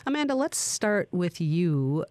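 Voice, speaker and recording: A woman's voice: fairly low pitch, big pitch swings, measured pace, darkish tone, dry recording. A woman hosting a radio talk show, presenting scripted introductions and questions to guests.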